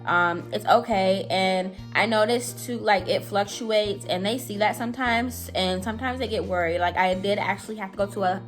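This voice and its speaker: A woman's voice: mid-range voice, fairly bright tone. A young woman vlogger telling a personal story in a casual, chatty way, full of "like" and "I'm telling you", sounding anxious.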